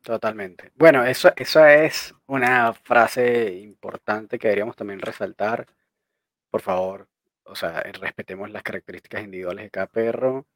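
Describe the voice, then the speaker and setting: A man's voice: fairly low pitch, moderate pace, a bit bright, dry recording. Male podcast host, dry close sound. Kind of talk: casual podcast interview.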